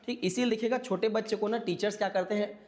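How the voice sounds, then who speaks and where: A man's voice: sits high, steady tone, fast talker, a little mellow. Male teacher lecturing in a reverberant room. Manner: explains step by step, keeps checking in with listeners. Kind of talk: classroom lecture.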